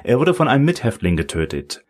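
A man voicing an unhurried, sardonic old male professor who talks dryly and mockingly, in an audiobook. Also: medium pitch, huge pitch swings, a little mellow, pitched above the performer's own voice. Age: older. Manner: dry, mocking.

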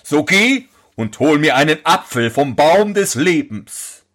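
A huge, grumbling storybook giant, voiced by a man reading the tale. He speaks in slow, drawn-out calls, and his pitch swings widely from phrase to phrase. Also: lively intonation, fairly bright tone. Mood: warning.

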